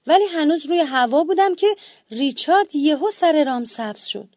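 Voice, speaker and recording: A woman narrating a children's bedtime story in an expressive storytelling manner. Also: high-pitched, no room sound, clean studio sound.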